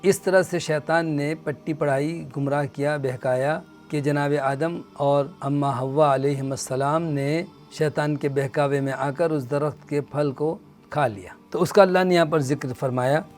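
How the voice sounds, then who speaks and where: A man giving a religious lecture on the Quran, explaining earnestly and reciting Arabic verses slowly. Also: on the high side, fairly even intonation, a little mellow, faint music behind. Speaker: Quran teacher.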